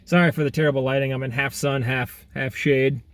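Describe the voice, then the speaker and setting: Sitting outside in half sun and half shade, a man reviews food for his vlog in a mid-range, level voice at a fairly quick pace. He's chatty, talks while eating, and exclaims frequently.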